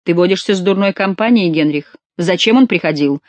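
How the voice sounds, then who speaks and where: A sleepless, fretful king who pleads and presses for answers, read by a woman narrator. The voice sits on the low side. It is recorded close and dry. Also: brisk, a little mellow, no echo, natural voice. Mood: plaintive. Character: weary anxious French king, man.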